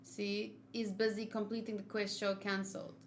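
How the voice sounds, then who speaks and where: A streamer with a medium-pitched, flat voice talks at a moderate pace over a faint hiss or hum. She chats casually while livestreaming a game, thinking aloud and alternating between viewers and gameplay as video game music plays behind her.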